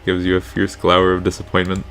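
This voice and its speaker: A man's voice: sits low, monotone, fast, a bit bright, soft background music. A man co-hosting a game playthrough, reading the story text aloud with dry, wry asides. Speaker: let's play co-host reading the game text. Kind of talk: narrating a visual novel aloud.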